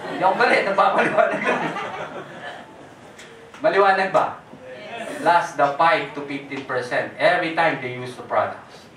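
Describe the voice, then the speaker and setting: A presenter pitches a business opportunity to a live crowd, quizzing people with quick questions and teasing jokes. The voice sits at a middle pitch and sounds distant from the mic. It rings through a reverberant event hall. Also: noisy background. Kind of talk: lively sales pitch, mixing Tagalog with English.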